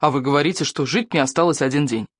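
A man's voice: on the high side, fast talker, no room sound, clean studio sound, natural voice. A man doing a whiny, sniffly boy sidekick. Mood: protesting. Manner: protesting, whiny.

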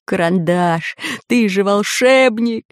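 A woman's voice: a little high, steady tone, moderate pace, a little mellow, dry recording, close to an everyday voice. A timid, mopey pirate from a children's story, voiced by a woman. He whines and sulks in a gloomy tone. The recording is dry and close. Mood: pleading. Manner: gloomy and whining. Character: sad clumsy male pirate, timid. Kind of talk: children's audiobook voice acting.

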